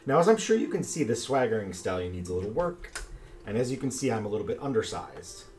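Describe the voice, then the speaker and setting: Man doing a woman's voice as a creaky little old goblin lady. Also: fairly low pitch, big pitch swings, quick pace, darkish tone, soft background music. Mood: sweet, wheedling. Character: kindly tiny old goblin lady innkeeper.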